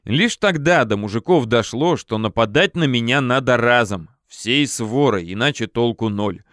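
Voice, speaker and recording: A man narrating a first-person audiobook, lively and slangy, on a close studio mic. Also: mid-range voice, normal speed, dry recording.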